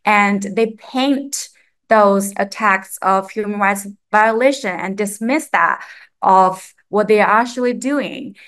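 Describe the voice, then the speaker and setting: A woman's voice: mid-range voice, slow pace, fairly bright tone. A young woman student activist speaking unscripted on a webinar from home, earnest and searching for words. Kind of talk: unscripted panel remarks. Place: home room, indoors. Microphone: laptop on a video call.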